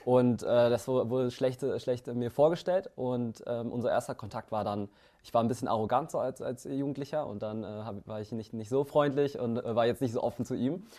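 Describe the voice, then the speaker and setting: A man's voice: medium pitch, fairly quick, warm tone. A man in his twenties, founder of a company, answering interview questions casually with many fillers and restarts. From Germany. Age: 20s. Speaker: founder and CEO, interview guest.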